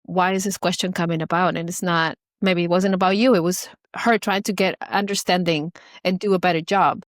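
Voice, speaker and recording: A woman hosting a podcast, speaking gently and reassuringly to her co-host and her listeners. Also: lowish voice, fairly even intonation, a little fast, no room sound, clean studio sound. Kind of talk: supportive podcast conversation.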